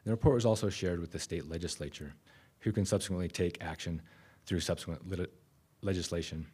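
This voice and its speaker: A man, giving a conference keynote from a podium microphone in a conference room, measured and with frequent restarts. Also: sits low, dark tone, breathy edge. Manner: measured, self-correcting restarts. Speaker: keynote speaker.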